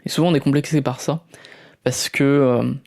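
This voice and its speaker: French guy chatting about voice tips, gravelly and warm, lots of euh and restarts. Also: mid-range voice, fairly even intonation, normal speed. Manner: explanatory, demonstrates vocal techniques, frequent fillers and restarts. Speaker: podcast host. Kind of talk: casual voice coaching talk.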